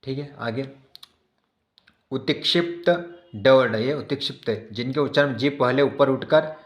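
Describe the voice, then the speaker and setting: A man's voice: medium pitch, normal speed, reverberant. A male teacher giving an exam-prep lesson who repeats each definition and keeps checking in with his listeners.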